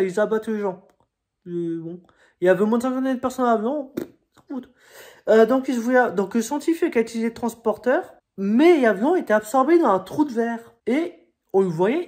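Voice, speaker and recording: A man's voice: high-pitched, a little mellow. A young man chatting casually in a vlog, rambling along with frequent hesitations and restarts. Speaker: vlogger.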